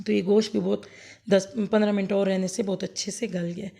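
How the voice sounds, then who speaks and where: A woman with a sore, hoarse throat giving a rambling, homely cooking demonstration for her vlog. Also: mid-range voice, flat delivery, a little fast, mellow. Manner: homely, rambling, self-correcting explanations. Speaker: cooking vlogger. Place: home kitchen, later outdoors under a fan.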